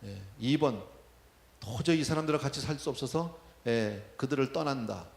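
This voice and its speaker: A man's voice: medium pitch, animated, normal speed, gravelly, darkish tone, roomy sound. A man preaching a sermon, talking in a conversational way and asking the congregation questions. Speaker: pastor. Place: church.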